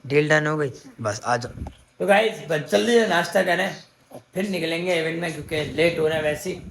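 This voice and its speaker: A man's voice: fairly high pitch, a little fast, vocal fry, a bit bright, slight background noise. A young man, chatting casually to camera as a family vlogger, playful and talking to viewers like friends. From Pakistan. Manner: chatty, playful, addresses viewers as guys and brother. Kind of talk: casual vlog narration to camera.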